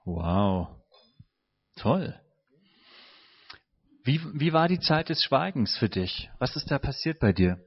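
A man's voice: medium pitch, very animated, slightly rough. A man leading a small group discussion, asking questions and praising answers often. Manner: encouraging, quick praise. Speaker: group leader. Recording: dull lo-fi sound.

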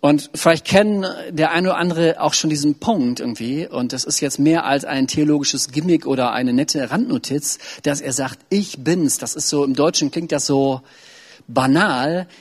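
Husky-voiced man preaching casually. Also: on the high side, normal speed. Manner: chatty, loose, with many fillers and restarts. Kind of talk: casual conversational sermon.

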